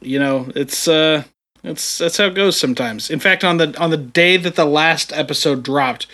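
A man's voice: fairly high pitch, moderate pace, bright, forceful tone. A man co-hosting a casual gaming podcast, rambling along with many fillers and restarts. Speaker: podcast co-host.

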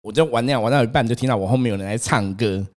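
Fast-talking man. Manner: animated, acts out quotes, rises in pitch when scared. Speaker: host, exorcist telling his own ghost story. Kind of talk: casual chat, storytelling.

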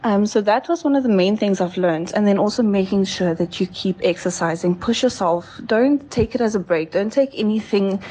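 A woman's voice: medium pitch, normal speed, few pauses, dark tone. A woman speaking earnestly in a recorded listener message, giving motivational advice. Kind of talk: recorded monologue.

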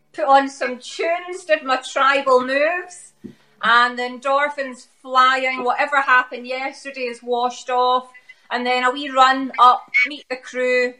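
A woman's voice: high-pitched, sharp tone, low-quality recording. A woman from Glasgow with a strong, broad Scottish accent, chatting casually as an interview guest in short, punchy, slangy phrases. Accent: strong, broad Glaswegian Scottish. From Glasgow, Scotland. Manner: punchy, informal, slangy delivery. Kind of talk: casual chat.

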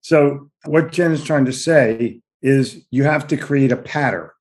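A middle-aged man co-hosting a podcast in casual chat, giving sales advice in a relaxed way. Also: mid-range voice, measured pace. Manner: relaxed, advice-giving, quotes others in animated voices. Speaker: podcast co-host.

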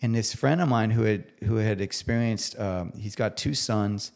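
A man's voice: lowish voice, moderate pace, vocal fry, a little mellow. A man talking as a guest on a podcast, earnest and emphatic in casual conversation, at times moved to the edge of tears. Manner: heartfelt, gets teary.

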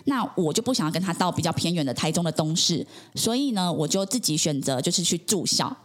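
A woman's voice: lowish voice, animated, quick pace. A woman, a podcast guest earnestly telling her personal story in conversation, with frequent affirming interjections.

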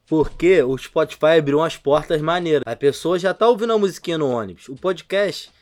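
A man's voice: fairly high pitch, brisk, darkish tone. A man with a Rio de Janeiro accent co-hosting a casual home podcast, slangy, teasing and swearing a lot. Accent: Rio de Janeiro Portuguese. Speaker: podcast co-host. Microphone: home podcast mic.

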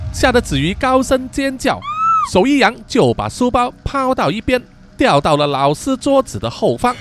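A man from Southeast Asia narrating a horror story in a suspenseful, expressive way, over soft background music. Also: sits high.

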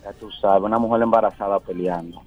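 A man's voice: lowish voice, fairly even intonation, a little fast. Male caller, chatty storyteller, tinny phone line, faint music behind. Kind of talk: telling an anecdote on a phone call.

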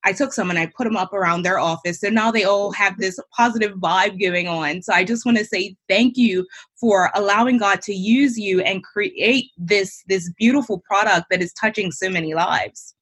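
Husky-voiced woman hosting a faith podcast. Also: medium pitch, normal speed, a bit bright. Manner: upbeat, scripted intro reading. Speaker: podcast host.

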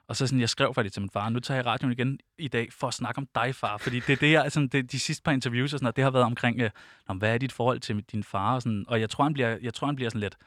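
A man's voice: mid-range voice, a bit bright, no echo, studio quality. A young man speaking Danish, a guest telling personal stories in an interview, open and reflective, often laughing. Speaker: podcast guest.

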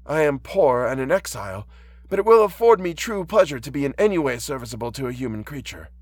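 A man's voice: mid-range voice, very animated, fast talker, dry recording, voice pushed up. A man voicing a kindly, blind old exile in an audiobook, with a courteous, formal way of speaking. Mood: gentle, sympathetic.

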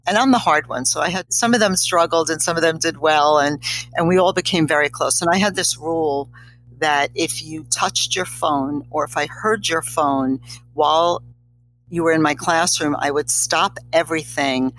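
Older lady on a podcast, hoarse worn-out voice, telling stories, bit of hum behind her. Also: low voice, normal speed, a bit bright, poor audio. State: hoarse, strained voice. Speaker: podcast guest, college teacher. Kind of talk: conversational storytelling interview.

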